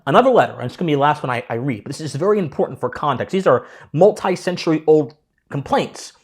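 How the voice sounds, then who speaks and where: A man's voice: on the high side, animated, fast talker, husky. A man delivering solo political commentary in an impassioned, lecturing way, often restarting his sentences.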